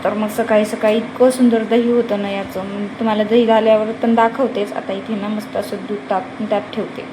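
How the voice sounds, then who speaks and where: A woman's voice: mid-range voice, little pitch movement, a little fast, few pauses. A young woman explains her cooking step by step in a homely way in her kitchen. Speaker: home vlogger. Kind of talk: casual cooking vlog chat. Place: home kitchen. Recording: home recording with clear background noise.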